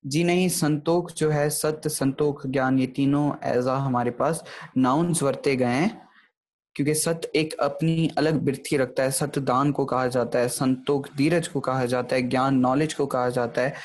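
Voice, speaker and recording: Speaking at a moderate pace with a steady, mid-range voice, this man delivers an online lecture on Gurbani grammar. His style is explanatory and methodical, and he frequently pauses to ask "thik hai" of his audience.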